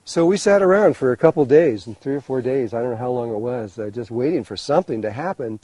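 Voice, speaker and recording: A man recounts a long personal story, rambling and animated, restarting his sentences as he goes. His voice is husky and mellow, at an ordinary pitch. The sound is dry and close. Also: fast, no room sound, poor audio. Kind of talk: storytelling talk.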